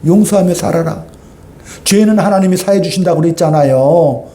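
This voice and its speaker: A male pastor preaching a sermon, telling the story with lively rhetorical questions and acted-out voices. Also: high voice, moderate pace. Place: church sanctuary. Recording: echoey church hall.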